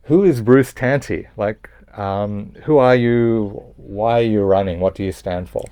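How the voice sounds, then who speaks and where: Man, interviewer, lowish voice, hesitant with lots of ums. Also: unhurried, mellow, smooth. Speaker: interviewer, channel host. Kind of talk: casual interview.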